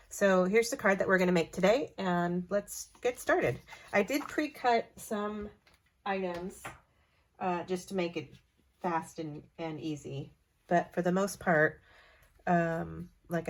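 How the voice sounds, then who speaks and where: A woman hosting a card-making tutorial, talking in a chatty, friendly way with fillers and self-corrections. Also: fairly low pitch. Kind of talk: casual craft tutorial.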